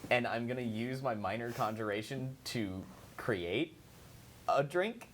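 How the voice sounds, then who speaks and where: A man's voice: mid-range voice, unhurried, a little hiss or hum. A man playing a tabletop game, eagerly describing his moves. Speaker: player. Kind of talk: casual tabletop game play.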